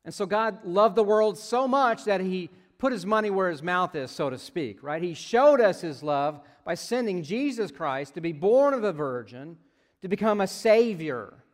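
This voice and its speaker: Male pastor, relaxed joking sermon delivery, somewhat higher voice, ringing reverb of a large hall. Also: normal speed. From United States. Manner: conversational, jokey asides, frequent "right?".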